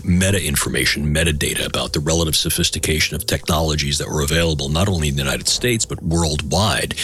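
A man's voice: very deep voice, fairly bright tone, husky. A man giving a formal expert explanation, wordy, precise and academic. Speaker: expert interviewee. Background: music.

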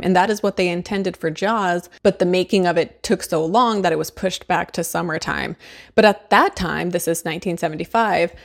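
A woman giving a casual, chatty book and movie review to camera, laughing often and using a lot of fillers. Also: on the low side.

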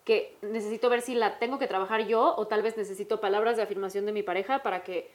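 A woman podcast host with a Mexican Spanish accent who tells stories in an animated, slangy, emphatic way. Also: mid-range voice, fast. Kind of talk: casual podcast chat.

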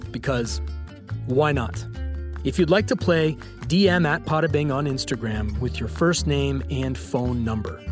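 A man hosting a casual trivia quiz, upbeat and teasing as he quizzes a caller. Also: medium pitch. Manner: upbeat, playful, teasing quizmaster. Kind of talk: casual podcast quiz banter.

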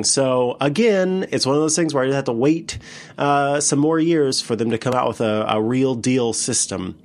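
A man talking casually as a podcast panelist, animated and rambling with fillers and restarts. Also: mid-range voice. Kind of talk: casual chat.

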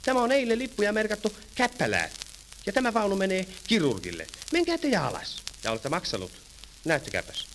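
A man's voice: high-pitched, wildly swooping pitch, fairly bright tone, a little hiss or hum, heavily acted. A man singing and playing a fussy old-time tram conductor who scolds passengers, on an old archive record with music. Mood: scolding. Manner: sings, then scolds passengers in quick patter. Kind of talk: 1930s comic song with spoken patter.

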